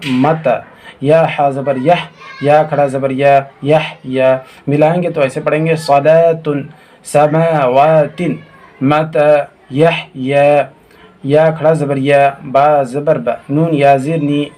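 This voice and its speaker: A man teaching Quran reading in a recorded lesson, spelling out letters and vowel marks slowly, with quicker explanations in between. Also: a little high, level tone, a little mellow. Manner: slow, drawn-out recitation of syllables, then quick asides.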